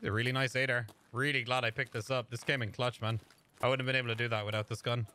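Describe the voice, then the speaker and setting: A young Irish man streaming a shooter game with a friend, excitable, swearing and laughing at himself. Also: mid-range voice, fast. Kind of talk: gameplay commentary with a friend.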